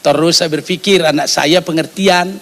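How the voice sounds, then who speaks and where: A middle-aged male pastor, preaching a sermon as an animated storyteller who acts out dialogue. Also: fairly high pitch, normal speed.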